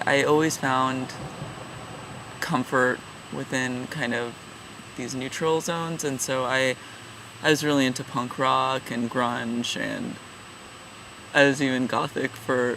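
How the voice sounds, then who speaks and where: Young man, twenties, casual vlogger; halting and self-deprecating, slow delivery over a steady hum. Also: mid-range voice, low-quality recording. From California, USA. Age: 20s. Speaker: vlogger, regular channel contributor. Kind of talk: casual personal vlog.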